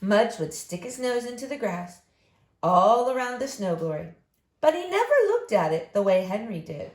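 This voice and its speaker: A woman's voice: medium pitch, sing-song, moderate pace, a little mellow. A woman reading a picture book aloud expressively to young listeners. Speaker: story reader for children. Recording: echoey room.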